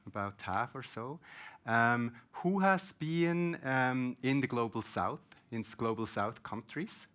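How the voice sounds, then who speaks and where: A man's voice: mid-range voice, a bit bright. Hesitant man moderating a panel.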